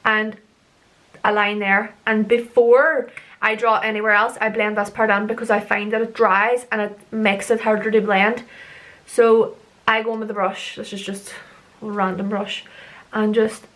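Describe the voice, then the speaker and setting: A woman's voice: medium pitch, steady tone, measured pace, pauses often, fairly bright tone. A young woman chatting casually through her makeup routine as a beauty vlogger, rambling and tripping over her words as she laughs at herself. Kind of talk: casual makeup tutorial chat.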